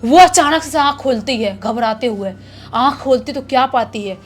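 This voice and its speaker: A woman's voice: high voice, normal speed. A woman telling a true horror story in a chatty, casual way, often repeating words for effect.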